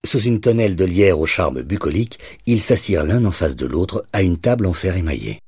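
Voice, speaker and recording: A man narrating a crime novel as an audiobook reader, in a measured storytelling way. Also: sits low, expressive, a little mellow, husky, no echo, clean studio sound. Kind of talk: scripted narration.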